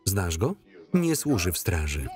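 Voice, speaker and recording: A man dubbing a proud, eloquent male poet-soldier in a measured, theatrical way. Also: low voice, sing-song, a little mellow, soft background music. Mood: wry. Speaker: dub actor. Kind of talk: film dubbing.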